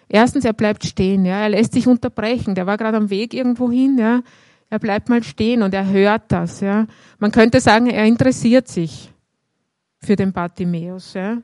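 A woman's voice: medium pitch, a little mellow, no room sound. A woman giving a conversational sermon, often adding a questioning "ja" as she explains a Bible passage. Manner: conversational, frequent "ja" tags. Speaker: preacher.

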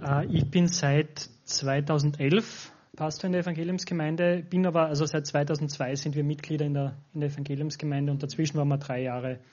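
Addressing the congregation directly and informally, a guest pastor from Styria, Austria, in his forties, talks a little fast with few pauses. His voice sits on the high side, steady and darkish, and the recording sounds dull and lo-fi.

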